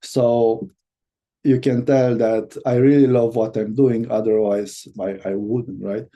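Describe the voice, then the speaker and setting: Teaching an online course, this business coach from Romania has a Romanian accent and a mellow, flat, medium-pitched voice. He halts often, restarting sentences and using many fillers, and the high frequencies of the audio are cut off.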